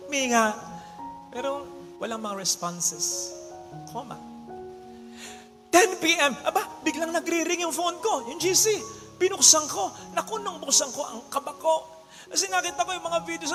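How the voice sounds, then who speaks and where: A man preaching as a priest, telling a story in an animated way that swings between loud exclamations and hushed lines. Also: extremely high pitch, moderate pace. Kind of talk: sermon with storytelling. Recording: long hall reverb with faint music behind.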